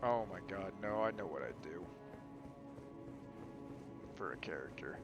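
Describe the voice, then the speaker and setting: A man with a Southern accent chatting casually and swearing while playing a co-op game with a friend. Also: measured pace. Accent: American Southern. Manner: laid-back, swears, lively swings in pitch. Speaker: streamer playing co-op. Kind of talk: casual gaming chat. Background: game music.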